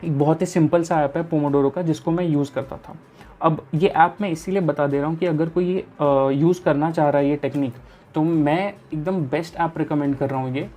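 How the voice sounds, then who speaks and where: Mellow-voiced young man giving study advice. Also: a little high, steady tone, brisk. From India. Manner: easygoing, explanatory, talks straight to the viewer. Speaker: chartered accountancy student and study vlogger. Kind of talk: casual study-advice vlog.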